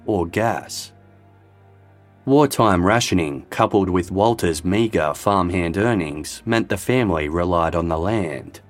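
A man narrating true crime from a script in a serious, measured way. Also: low voice.

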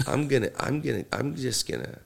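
A tired man with a raspy, froggy morning voice, chatting casually and playfully as a podcast host. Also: mid-range voice, sing-song, fairly quick. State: tired, under-slept. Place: in a house.

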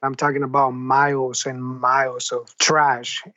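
A man in his thirties from Honduras speaks in an even, almost flat tone. The sound comes over a muffled, lo-fi video call with no room echo at all. He unhurriedly recalls his early years. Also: mid-range voice, a little slow. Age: 30s. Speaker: interviewee. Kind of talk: recorded interview. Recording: dull, dry video-call audio.

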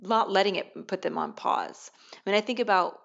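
A woman's voice: medium pitch, moderate pace, creaky, fairly bright tone. A young adult woman co-hosting a podcast in casual, emphatic conversation, recorded in an echoey room. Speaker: podcast co-host. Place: echoey half-furnished study at home. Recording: echoey room, dull muffled sound.

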